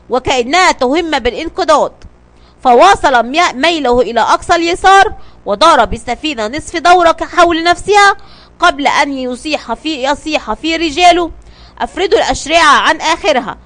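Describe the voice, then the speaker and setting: A woman's voice: high voice, fairly bright tone. A woman reading a children's adventure story aloud, often stumbling and restarting words. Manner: reads with frequent stumbles and restarts.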